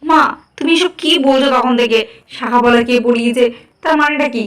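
A woman's voice: high-pitched, a little fast, echoey room, distant mic, natural voice. A woman voicing an exasperated, caring daughter-in-law in a cartoon, pleading and scolding in a homely tone.

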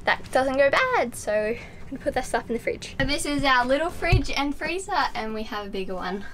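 A woman's voice: high-pitched, animated, a little fast, a bit bright. A teenage girl casually vlogging from a sailboat cabin and a car, speaking into a handheld camera held at arm's length and filling her talk with "like". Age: teens. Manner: chatty, filler-heavy with frequent "like". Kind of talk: casual vlog narration. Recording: noisy handheld camera audio.

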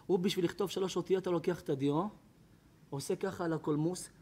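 A man's voice: high voice, steady tone, a little mellow, breathy edge. A man, a rabbi, giving a Torah lecture to an audience, telling stories emphatically and addressing listeners by name.

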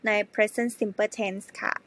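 A woman teaching an English grammar lesson to primary pupils, speaking slowly and spelling words out letter by letter. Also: mid-range voice, flat delivery, fairly bright tone. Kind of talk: slow spelled-out classroom lesson.

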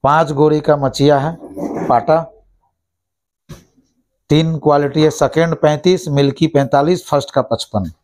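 Recorded on a lapel mic inside a small shop office, a thirtysomething shop owner gives a brisk rundown of plastic products and repeats every price. He sounds a little high and a little mellow, keeping a steady tone.

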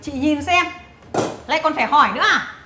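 A woman's voice: sits high, a little fast, roomy sound, noisy background, natural voice. An actress playing a scornful, bossy mother-in-law who scolds and mocks with sneering laughs. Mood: scornful scolding. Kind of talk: family drama acting.

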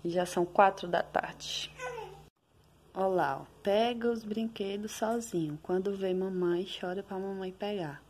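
Woman, Brazilian Portuguese accent, young mother, soft chatty voice, casual home vlog, mid pitch. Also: unhurried. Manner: soft, chatty, fond of diminutives. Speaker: mother vlogger. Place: home, in the kitchen.

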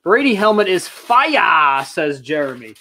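A livestream auction host in his thirties moves around a small, shelf-filled indoor storage room, casually chatting and reading viewers' comments aloud, at times stepping away from his desk webcam mic. His voice is on the high side, bright and forceful, very animated yet a little slow, with slight background noise.

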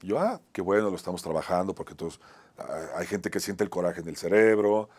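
A man with a Mexican accent, an acting teacher who tells a personal story on a talk show. He often ends phrases with a tag question and moves between a strong voice and a soft one. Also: low-pitched, lively intonation, a little fast. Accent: Mexican Spanish.

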